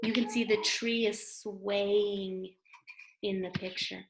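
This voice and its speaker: A woman teacher speaks slowly and with fairly even intonation as she reads aloud to young kids from home. Her pitch is medium and the recording rough, and she uses simple child-directed talk, questions, and sounded-out letters.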